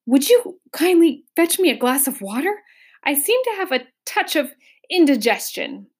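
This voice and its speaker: A woman's voice: sits high, sing-song, normal speed, pitched above the performer's own voice. A woman voicing a pompous, overfed male bug in a storybook, wordy and flowery, with a wheezy delivery. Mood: queasy, wheezing. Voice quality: wheezy, gasping.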